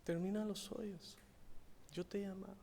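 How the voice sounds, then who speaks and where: A man with a Mexican Spanish accent preaching a sermon built on personal testimony, slow and emphatic, rising when he stresses a point. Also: high voice, level tone, creaky, mellow, a little hiss or hum. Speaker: pastor. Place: church hall. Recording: long hall reverb.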